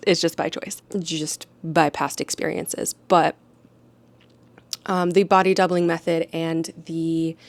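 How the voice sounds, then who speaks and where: A young woman talks casually to camera at home, rambling and self-deprecating and often laughing. Her voice sits a bit low. The sound is dry, with little room echo. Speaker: audiobook narrator and vlogger. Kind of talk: casual vlog chat.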